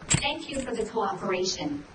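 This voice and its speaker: A woman voicing a calm, formal automated announcer in a video game, giving scripted system messages. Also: medium pitch, normal speed, lightly acted. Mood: formal, impersonal. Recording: echoey, distant, heavy noise over it.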